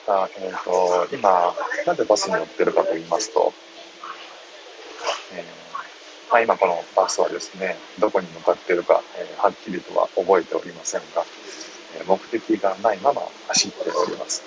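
A man with a very deep voice murmurs softly into his phone while riding a bus. He chats casually with his listeners, keeping his voice low. The audio is muffled, with steady bus noise behind him. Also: normal speed, gravelly. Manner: mumbling quietly, reading listener comments. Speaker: live-stream host. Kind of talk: casual live chat. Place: on a moving city bus.

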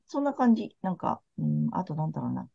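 A low, dark-toned woman talks fast in a casual podcast chat, her pitch swinging up and down as she explains tarot cards. She sounds frank and laid-back. The audio is a little muffled and lo-fi. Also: sing-song, creaky. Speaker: tarot card counselor.

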